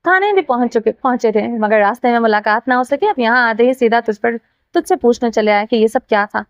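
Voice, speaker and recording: Woman reading young male friend, amazed, chatty, higher voice, dry sound. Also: expressive, dry recording, muffled recording.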